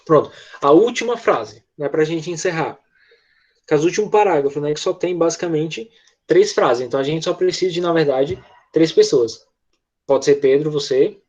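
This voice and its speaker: A man with a Brazilian accent teaching an English class online, patiently walking pupils through repetition and often checking in with quick tag questions. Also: a little high, darkish tone, muffled recording.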